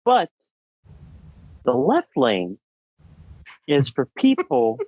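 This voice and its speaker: A young American man co-hosting a podcast launches into an emphatic, exasperated comic rant. His mid-range voice swoops wildly in pitch, moves extremely slowly and sounds slightly rough. The recording is dry and dull with no echo.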